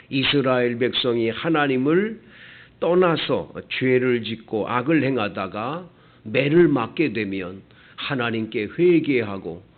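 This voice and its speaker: A man preaching a dawn prayer sermon as pastor, emphatic and full of rhetorical questions. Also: medium pitch. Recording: tinny lo-fi phone-like sound.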